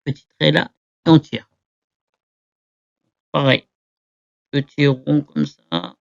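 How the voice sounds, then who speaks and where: A man teaching Arabic letters to beginners, repeating each word slowly for learners to copy. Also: on the high side, sing-song, vocal fry. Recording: dull lo-fi recording.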